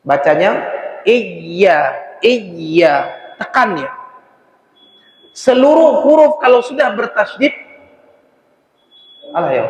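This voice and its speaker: A man teaching Quran recitation, drilling syllables over and over and chanting verses slowly as examples, recorded in a mosque. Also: high voice. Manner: repeats syllables to drill pronunciation. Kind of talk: tajwid lesson with corrections. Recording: echoey hall, muffled lo-fi sound.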